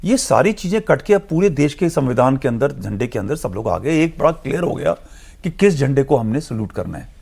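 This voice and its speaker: A man speaking as a guest analyst on a TV discussion, explaining in a measured, lecturing way and slipping in English phrases. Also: mid-range voice, very animated, creaky, a little mellow, husky.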